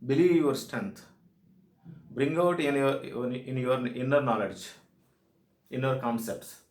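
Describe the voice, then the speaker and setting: A man with a South Indian accent giving an instructional presentation as a soft skills trainer, speaking emphatically in short, repeated declarative phrases. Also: mid-range voice, slow. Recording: echoey room sound.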